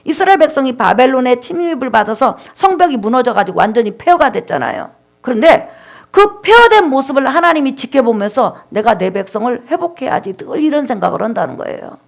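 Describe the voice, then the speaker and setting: A woman's voice: high voice, big pitch swings, a little fast, gravelly. A woman pastor preaching a sermon, speaking directly to the congregation and retelling people's words as she leads them in call-and-response. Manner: storytelling, reenacting people's words.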